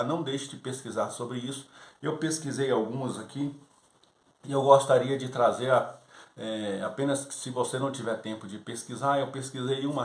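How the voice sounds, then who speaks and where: Man giving teaching tips in an echoey room. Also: medium pitch. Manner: conversational, often checks in with "tá?". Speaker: Sunday school lesson presenter.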